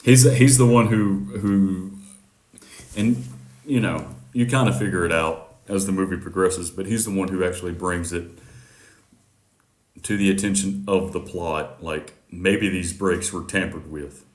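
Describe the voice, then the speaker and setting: Deep-voiced, easygoing man in chat. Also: fairly even intonation, measured pace, echoey room. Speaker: podcast co-host. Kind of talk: casual movie discussion chat.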